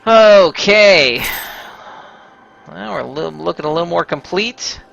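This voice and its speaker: A man's voice: on the high side, lively intonation, a little slow, gravelly, a bit bright, lo-fi sound, slight background noise. A man chatting and joking with viewers as he plays a video game. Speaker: let's play host. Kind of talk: casual gameplay commentary. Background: game music.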